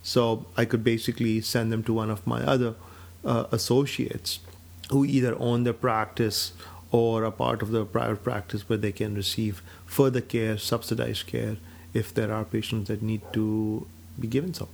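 A man in his forties from Pakistan, a physician and clinic director, talking about his life and work in a measured, steady way with frequent fillers. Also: fairly low pitch, creaky. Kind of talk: personal account to camera.

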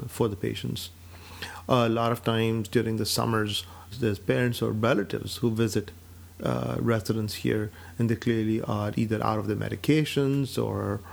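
Gravelly-voiced man from Pakistan. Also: on the low side. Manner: measured, steady, with frequent fillers. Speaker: physician and clinic director. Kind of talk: personal account to camera.

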